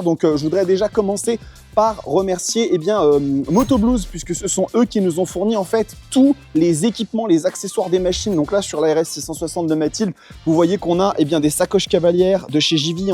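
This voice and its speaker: Young male moto vlogger, higher pitch, mellow tone, relaxed rambling delivery with soft music behind. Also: fairly quick. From Portugal. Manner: chatty, lots of fillers and thanks to sponsors. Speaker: motorcycle vlogger. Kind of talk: casual moto vlog.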